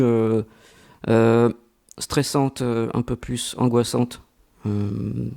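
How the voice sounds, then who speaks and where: Slow, gravelly-voiced man musing hesitantly. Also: medium pitch, warm tone. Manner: slow and halting, many hesitations and repeated words. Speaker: interviewee, amateur voice actor. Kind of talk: reflective interview answers.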